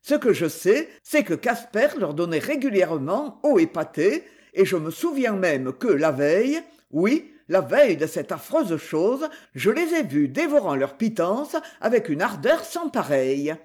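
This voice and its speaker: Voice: mid-range voice, sing-song, measured pace, hardly any pauses, darkish tone, slightly rough. A reader doing a blustering Prussian major. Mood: defensive. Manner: blustering, indignant.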